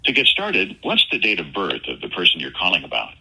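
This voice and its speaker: Man, recorded phone menu message, very bright, husky, evenly announced prompts. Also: sits low, wildly swooping pitch, a little fast, rough recording. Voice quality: evenly paced, announcing manner. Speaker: automated pharmacy phone system.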